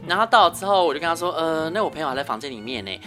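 Rapid, lively Taiwanese-accented man. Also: fairly high pitch, soft background music. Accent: Taiwanese Mandarin. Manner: animated, dramatic storyteller, often laughing. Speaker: podcast co-host. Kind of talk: casual storytelling chat.

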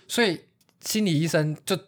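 A man's voice: on the high side, normal speed. A man co-hosting a casual podcast, chiming in with jokey comparisons. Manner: chatty listener, jokey comparisons. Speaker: podcast co-host. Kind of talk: casual chat.

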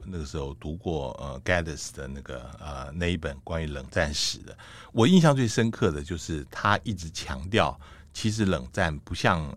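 Man, middle-aged, host, Taiwanese Mandarin accent, very low pitch, dry close sound, reflective, attentive. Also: no echo. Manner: reflective, attentive listener with frequent "mm" backchannels. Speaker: talk show host. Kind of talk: interview conversation.

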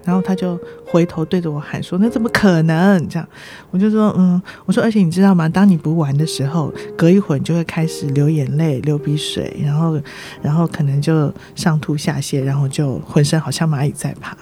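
A middle-aged woman with a Taiwanese Mandarin accent, a nursing director guesting on a podcast, telling lively stories, acting out dialogue and laughing often. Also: deep voice, a little fast, faint music behind. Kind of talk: podcast interview.

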